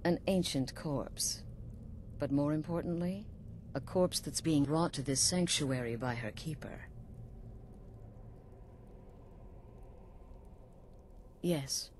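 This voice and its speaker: With a low-pitched, darkish voice, a woman portrays a middle-aged leader of assassins in a video game, sounding wry and knowing. She is coolly sinister and sly, deliberate, with dramatic pauses, and a little hiss or hum runs under the audio.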